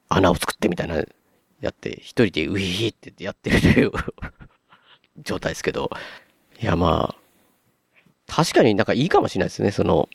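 A man with a Kansai accent, chatting on a podcast as a co-host and telling stories in an animated way, acting out his own surprised reactions. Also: on the low side, creaky, dry recording, clean studio sound. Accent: Kansai Japanese. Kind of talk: casual podcast chat.

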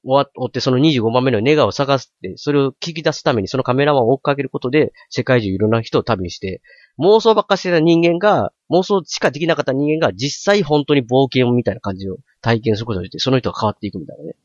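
Rapid animated Osaka man in his forties. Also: medium pitch, dry recording, muffled recording. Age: 40s. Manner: animated storyteller, sound effects. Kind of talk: casual chat.

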